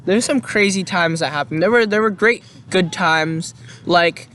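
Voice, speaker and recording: A man's voice: high voice, moderate pace, a bit bright, a little hiss or hum. A young man co-hosting a casual podcast, telling a story in a rambling way with many fillers and restarts. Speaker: podcast co-host. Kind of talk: casual chat.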